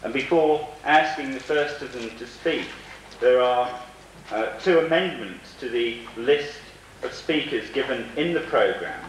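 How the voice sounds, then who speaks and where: A man's voice: medium pitch, animated, a little slow. A man chairing a panel, speaking in a formal, solemn way as he addresses the room and introduces speakers. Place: large echoey room at a conference. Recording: very echoey hall, distant mic, faint noise.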